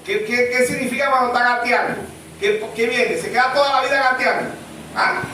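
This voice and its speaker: Animated pastor in an echoey church. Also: male voice, very high-pitched, fairly quick, a little hiss or hum. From Venezuela. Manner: animated, full of rhetorical questions, acts out baby cries. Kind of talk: sermon. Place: church sanctuary. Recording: echoey church room, mic far off.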